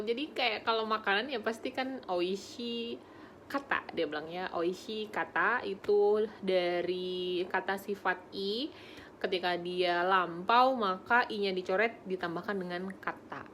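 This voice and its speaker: A young woman giving a casual language lesson, explaining pronunciation in a chatty way, often laughing and slowing down to demonstrate words. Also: fairly low pitch, fairly bright tone, slight background noise. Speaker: Japanese conversation teacher.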